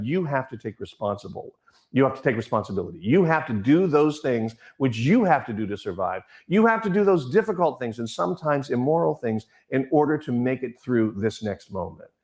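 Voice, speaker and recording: A middle-aged man giving an informal lecture on the stage arts, rambling like a professor, with digressions, halting restarts and personal anecdotes. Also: medium pitch. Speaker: lecturer on musical theater.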